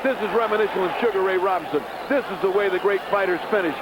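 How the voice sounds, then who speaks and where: A man's voice: high voice, quick pace. A man giving live boxing color commentary from ringside, emphatic and admiring, with florid turns of phrase. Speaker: boxing analyst. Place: ringside broadcast position in an arena. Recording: loud crowd roar, noisy broadcast.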